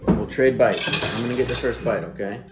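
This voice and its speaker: A man's voice: mid-range voice, fairly quick. A young man chatting playfully to his pet in a coaxing, mock-serious way, recorded in a home kitchen from across the counter. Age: young adult. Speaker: pet owner making a dog video. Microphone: camera across the counter. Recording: roomy kitchen sound with music behind.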